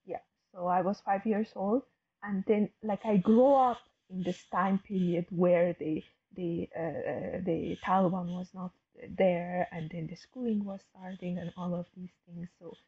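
A woman's voice: lowish voice, fairly even intonation, measured pace, breathy edge. Hesitant woman, muffled audio. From Afghanistan. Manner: hesitant, many fillers and restarts. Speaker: guest. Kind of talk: casual interview talk.

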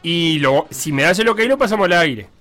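Bright, teasing radio host. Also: male voice, fairly high pitch, expressive, soft background music. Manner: quick, teasing, joking. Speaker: radio sports show co-host. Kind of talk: casual radio banter. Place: radio studio.

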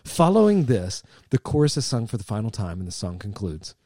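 A man's voice: fairly low pitch, very animated, fairly quick, mellow, slight background noise. A man co-hosting a casual podcast chat, reading aloud at length in a jokey way. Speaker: podcast co-host.

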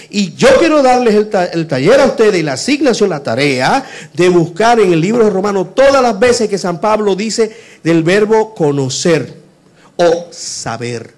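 A high-pitched man delivers a sermon full of rhetorical questions, swinging from loud emphasis to hushed lines.

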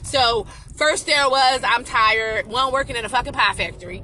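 A young woman talks straight to the camera in a casual confessional rant, her voice high and sharply bright. She swears freely, hammers points home by repeating them, and turns her story into blunt advice for younger women. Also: moderate pace, slight background noise, low-quality recording. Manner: blunt, heavy swearing, emphatic repetition. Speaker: vlogger venting about a relationship.

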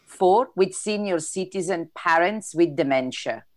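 A woman's voice: fairly low pitch, expressive, measured pace. A woman with an Italian accent moderating an online question session, casual and lightly joking as she reads out questions over a video call. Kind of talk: hosting an online Q&A.

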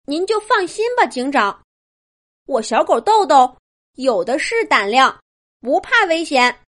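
A woman doing an eager high-pitched little puppy. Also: sing-song, measured pace. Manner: eager, bold.

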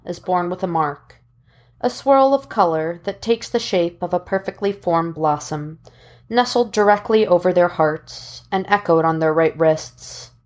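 A woman reads fan fiction as an audiobook narrator, her voice on the low side, speaking in measured, deliberate phrases with dramatic pauses.

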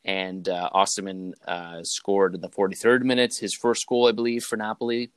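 Low-voiced man hosting a casual podcast. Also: normal speed, smooth, no room sound. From Canada. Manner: relaxed, rambling with many fillers. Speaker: podcast host. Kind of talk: casual chat.

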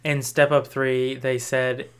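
A woman's voice: very deep voice, little pitch movement, takes it slowly, smooth. A woman co-hosting a podcast in casual chat, dry and laid-back, often trailing off. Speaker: podcast co-host.

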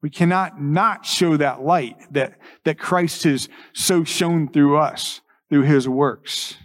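A man preaching a church sermon as a pastor, earnestly exhorting with repeated phrases and deliberate, emphatic pauses. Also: fairly high pitch.

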